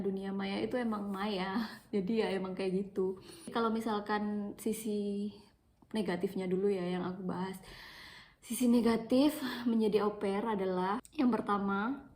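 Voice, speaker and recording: This vlogger, a young woman from Malang in East Java, Indonesia, has a medium, somewhat mellow voice. She talks casually into her phone with an East Javanese accent, often repeating words to stress them.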